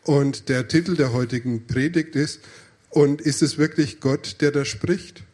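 A man's voice: a little high, a little slow, darkish tone. A man interpreting a sermon phrase by phrase, with hesitations and self-corrections.

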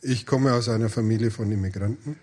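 A man's voice: fairly low pitch, quick pace, darkish tone. A man interpreting a sermon phrase by phrase, with hesitations and self-corrections.

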